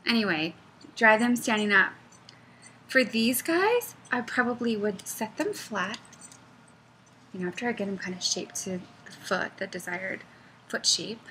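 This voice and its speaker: Woman, crafter, rambling chatty tutorial, bright slightly high voice. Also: slight background noise, poor audio. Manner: rambling, chatty, goes off on tangents; animated, laughs often. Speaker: knitting pattern designer.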